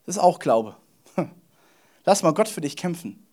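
A man preaching a sermon, swinging between loud emphasis and quiet asides, often repeating words and speaking straight to the listener. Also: fairly high pitch, sing-song, unhurried. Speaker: pastor.

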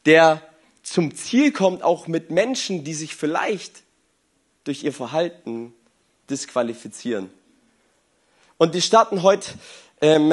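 A man preaching a sermon to teenagers and reading a Bible passage aloud, speaking with emphasis and letting phrase ends sink low and soft. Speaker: youth pastor.

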